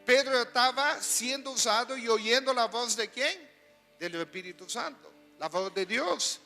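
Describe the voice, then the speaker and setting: A man preaching a sermon as pastor, animated and full of rhetorical questions, in a church hall. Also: extremely high pitch, unhurried, gravelly. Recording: reverberant hall with soft music.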